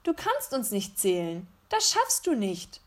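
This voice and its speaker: A woman voicing a chorus of mocking stars in a storybook reading, chanting in a high voice. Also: huge pitch swings, unhurried.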